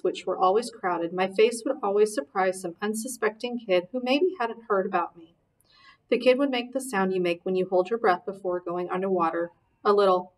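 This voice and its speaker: A woman reading a novel aloud in a steady, earnest narration, recorded a little distant from the mic. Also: medium pitch. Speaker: reader. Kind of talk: audiobook narration.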